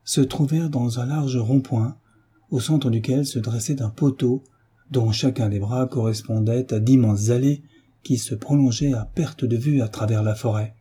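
A man narrating a classic novel aloud in a measured, dramatic reading. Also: mid-range voice, fairly even intonation, dark tone, slightly rough. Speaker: audiobook narrator.

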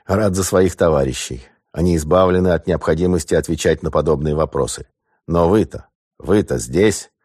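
A man's voice: low voice, normal speed, a little mellow, husky, dry recording, studio quality. A man voicing a scheming revolutionary official who speaks with cold sarcasm and snaps when crossed, in an audiobook. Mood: coldly mocking. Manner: sarcastic and cold, then snapping.

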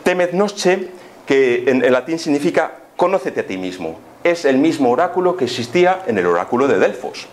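Speaking at a moderate pace with a medium, sing-song pitch, this Spanish-accented man from Spain explains spiritism in a casual lecture. He leans on rhetorical questions and small check-in tags as he teaches.

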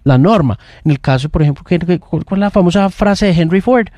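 A man's voice: high-pitched, expressive, brisk, dark tone, dry recording. A man hosting a morning radio show, musing aloud in long thoughtful runs with restarts. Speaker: radio host. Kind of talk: casual morning radio chat. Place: radio studio.

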